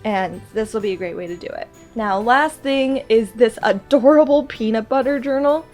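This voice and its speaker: A woman's voice: on the high side, normal speed, a little mellow, faint music behind. A woman with a stuffy, nasal voice from a cold, chatting casually and gushing girlishly in a vlog. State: congested with a cold. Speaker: vlogger showing gifts to viewers.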